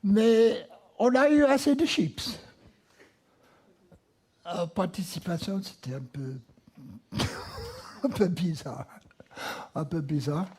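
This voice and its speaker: A man's voice: high voice, slow, long pauses, mellow, breathy edge. A man with an American accent preaching a sermon, repeating key words for emphasis. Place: church.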